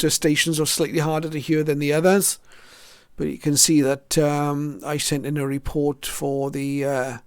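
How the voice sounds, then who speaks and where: A man of middle age or older reflects casually on his hobby collection, taking items one at a time and often hesitating. His voice is a touch high, steady in pitch, clean and smooth. The studio-quality audio has no echo.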